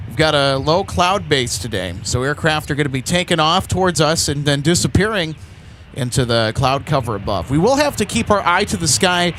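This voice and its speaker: Higher-voiced man livestreaming over engine noise. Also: lively intonation, moderate pace, a bit bright. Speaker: plane-spotting livestream host. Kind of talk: casual live commentary, greeting chatters. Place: outdoors near an airport runway. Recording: outdoor noise with aircraft engines. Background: aircraft and engine noise.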